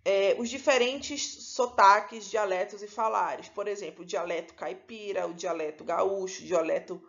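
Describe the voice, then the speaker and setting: A woman's voice: mid-range voice, normal speed, vocal fry, fairly bright tone, lo-fi sound. A woman from Pará with a Paraense Brazilian accent, teaching a recorded lesson in an explanatory way, often adding "né" and correcting herself mid-phrase. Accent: Paraense Brazilian Portuguese. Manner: explanatory, with frequent "né" and self-corrections.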